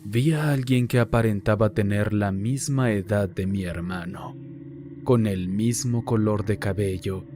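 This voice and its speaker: Man narrating horror stories over soft music. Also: fairly low pitch. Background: faint background music.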